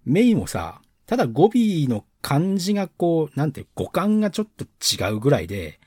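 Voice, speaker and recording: A man's voice: on the high side, huge pitch swings, moderate pace, a little mellow, breathy edge, no echo, clean studio sound. A man angrily tearing into a film in a casual chat. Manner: indignant, complaining. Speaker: film reviewer.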